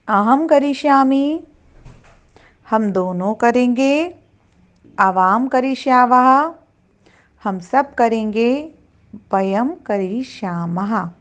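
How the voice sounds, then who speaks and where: A woman teaching a Sanskrit grammar lesson to children, patiently reciting verb forms one by one. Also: fairly high pitch.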